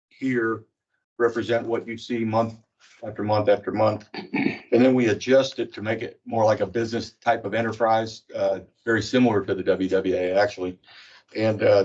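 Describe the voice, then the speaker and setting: A man's voice: medium pitch, a little mellow. A man working as an auditor, informally presenting a report at a meeting. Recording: distant, muffled meeting-room microphone.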